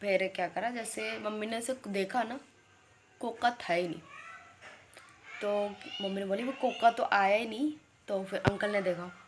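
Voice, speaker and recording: A woman's voice: medium pitch, noisy background. A young woman vlogger telling a story in a chatty way, laughing often as she talks. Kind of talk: casual storytelling vlog.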